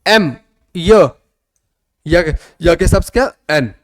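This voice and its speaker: Man, grammar teacher, high voice, dry close sound, quizzing style. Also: very slow, no echo. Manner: lively, coaxing, quizzes students and repeats answers. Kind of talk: classroom grammar lesson.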